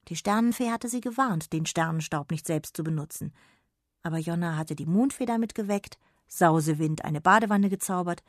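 A woman with a low, husky voice reads a children's bedtime story aloud, calm and gently expressive. The recording is close and dry, with no room sound at all. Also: dry recording.

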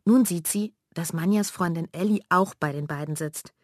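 A woman narrating a children's audiobook in a clear storytelling manner. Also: lowish voice, moderate pace, no room sound, studio quality.

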